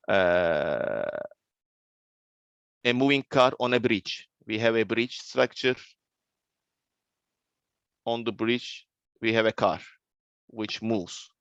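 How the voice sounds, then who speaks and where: Slow-paced male lecturer, Turkish accent. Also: fairly low pitch, creaky, a bit bright, no room sound, dull audio. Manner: repeats key terms, halting delivery. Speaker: civil engineering lecturer. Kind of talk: live lecture to students.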